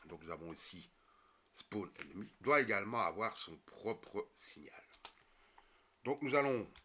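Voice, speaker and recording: A man's voice: lowish voice, lively intonation, unhurried, bright, forceful tone, slightly rough. A man explaining a coding tutorial step by step, with many fillers and self-corrections. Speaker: programming tutorial teacher. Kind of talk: screen-recorded coding tutorial.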